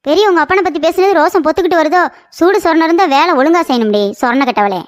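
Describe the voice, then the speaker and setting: A woman's voice: very high-pitched, fast talker. A woman voicing a scheming older mother-in-law in a cartoon, nagging and fake-weepy. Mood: scolding. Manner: scolding, then fake-weepy.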